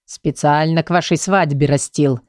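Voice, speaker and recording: A woman voicing an old male gardener, humble and devoted, speaking in an emotional, halting way. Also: deep voice, steady tone, darkish tone, no echo, studio quality, pitched below the performer's own voice, lightly acted. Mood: tearful.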